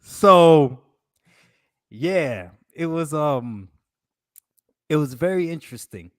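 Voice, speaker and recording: A man's voice: a little high, animated, takes it slowly, no room sound, clean studio sound. A man casually telling a long date story, animatedly acting out his own quotes in a raised voice.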